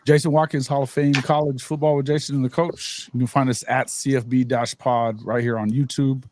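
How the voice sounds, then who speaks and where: Male podcast guest, casual and chatty, mid-pitched, dry close sound. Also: level tone, fairly quick, a little mellow, no echo. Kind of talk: casual sports chat.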